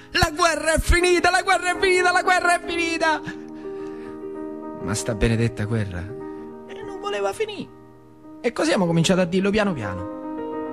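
A stage actor with a very high voice performs a theatrical radio monologue as an old factory worker recalling his boyhood, speaking with a rural central Italian accent from northern Lazio. The mood is excited, crying out and then going hushed. His delivery is colloquial and vivid, alternating between whispers and cries.

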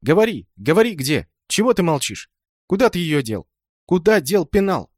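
A man voicing an angry, tearful young girl who shouts and accuses. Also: on the high side, a little fast, no echo, clean studio sound, voice pushed up, close to an everyday voice. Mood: furious.

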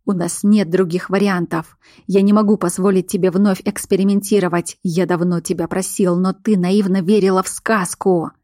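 A woman's voice: fairly low pitch, steady tone, moderate pace, few pauses, mellow, no echo, studio quality, lightly acted. A woman reading a stern, insistent father. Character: stern father, big man, a surgeon.

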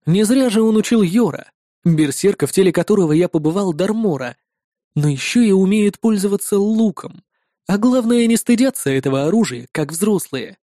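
A man narrating a fantasy audiobook in the first person, lively and wry. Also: high voice, normal speed, no echo, studio quality.

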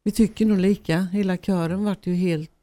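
A woman's voice: lowish voice, fairly even intonation, dark tone, no echo. A woman, a choir singer and guest in a casual interview, hesitant at first and then enthusiastic.

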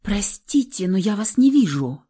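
Timid, frightened young woman in an audiobook, read by a woman, dark mellow tone. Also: sits high, sing-song, unhurried, husky, pitched above the performer's own voice, heavily acted. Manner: timid, hesitant. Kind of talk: audiobook character voice.

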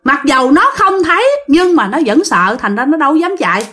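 A woman casually telling a ghost story, animated and speaking directly to her listeners. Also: high voice, fairly quick.

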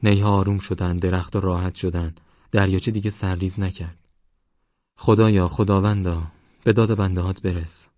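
A man's voice: sits low, fairly even intonation, darkish tone, no echo, muffled recording, close to an everyday voice. A man reading an audiobook, voicing a fierce young village woman who refuses to be sold, in a raised voice. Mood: defiant. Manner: fierce, pleading.

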